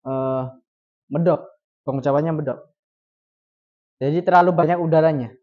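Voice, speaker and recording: A man teaching Quran recitation. He poses questions and answers them himself, and he repeats syllables slowly to demonstrate each sound. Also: on the high side, fairly even intonation. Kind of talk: recitation lesson. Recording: dull lo-fi recording.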